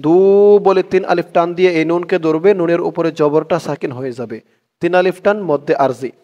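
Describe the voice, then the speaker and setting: A man teaching Quran recitation who chants verses slowly and drawn out, then breaks off to explain pronunciation rules in quick speech. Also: a little high, darkish tone, muffled recording. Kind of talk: tajweed lesson, slow chanted recitation with quick spoken explanations. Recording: long hall reverb.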